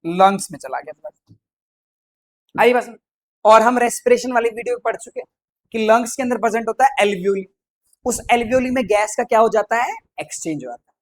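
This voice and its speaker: A man with a very high voice teaches an exam-prep science lecture at a moderate pace. He's playful and chatty, mixing English terms into his speech and constantly posing questions that he answers himself.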